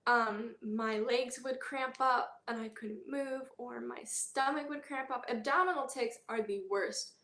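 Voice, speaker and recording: A woman talking candidly in a personal health vlog, halting often with fillers and pauses. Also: a little high, fairly bright tone, echoey room. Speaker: vlogger.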